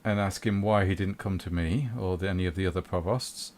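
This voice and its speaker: A man doing a low-voiced, stern provost of mages, formal and curt, for a tabletop game. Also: steady tone, darkish tone, lightly acted. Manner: formal, measured, with hesitations.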